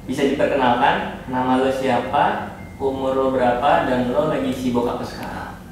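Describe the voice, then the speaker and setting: A man's voice: medium pitch, normal speed, a little hiss or hum. Distant, echoing man asking questions. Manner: casual, slangy questioning. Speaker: off-camera interviewer. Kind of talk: casual vlog questions. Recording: distant echoey mic with music.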